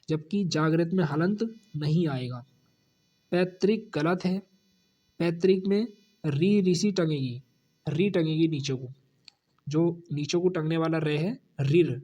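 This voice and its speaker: A man with a Hindi accent teaching a spelling lesson for exam students, repeating each corrected word and dropping low on the answer. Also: darkish tone.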